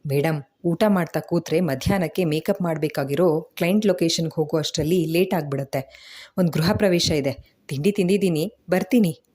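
A brisk, practical beautician, always on the move, who talks fast and never stops. A woman reads her part in a low, husky voice that is quicker than her narration. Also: warm tone. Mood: hurried. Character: brisk, chatty female beautician, busy and practical.

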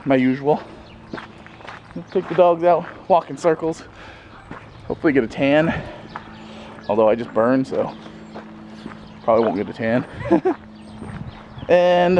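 Rambling to a camera held at arm's length in a sunny backyard, a vlogger in his thirties chuckles and uses many fillers. His medium-pitched voice is animated yet slow, with long pauses, and the lo-fi audio includes faint outdoor background noise.

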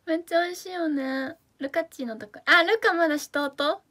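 High-voiced bubbly woman, Hakata accent. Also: a little fast. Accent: Hakata dialect. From Fukuoka, Japan. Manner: bubbly, chatty, drops to soft asides. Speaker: idol livestream host. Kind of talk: casual livestream chat reading comments.

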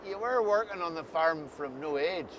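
A man's voice: a little high, lively intonation, moderate pace, a bit bright, poor audio. A mature man with an Ulster Scots accent, interviewing in a casual, hesitant way and often repeating words. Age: middle-aged or older. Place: outdoors on a grassy coastal path by the sea. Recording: faint outdoor ambient noise.

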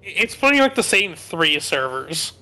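A man with a bright, slightly raised voice on gaming voice chat, talking to friends. He sounds exasperated, listing what he has tried and failed at. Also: on the high side, sing-song, a little slow. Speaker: fellow player.

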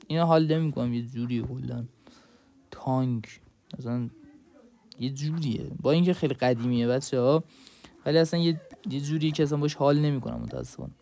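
A man's voice: mid-range voice, creaky, dark tone. A young man giving casual, slangy gaming commentary and speaking straight to his viewers. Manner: chatty, slangy, addresses viewers directly. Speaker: mobile game content creator.

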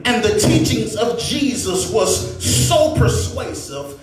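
Faint music plays behind a man whose high voice takes on a sing-song quality as he gives an impassioned sermon. Speaking to his congregation with repeated rhetorical lines, he moves from measured phrasing to shouting. A distant microphone in an echoey hall picks him up.

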